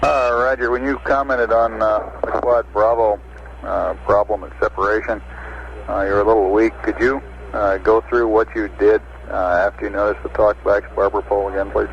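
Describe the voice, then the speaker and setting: A man at mission control talking in clipped radio procedure, halting with many pauses, heard over a weak, crackly radio transmission. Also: fairly low pitch, flat delivery, creaky. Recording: dull, hissy archival radio line.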